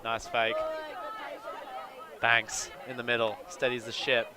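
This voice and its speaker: Excitable male play-by-play commentator. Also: medium pitch. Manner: excitable, quick calls of the play. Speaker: sports commentator. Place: outdoors at a sports field. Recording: crowd noise at an outdoor field. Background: cheering crowd.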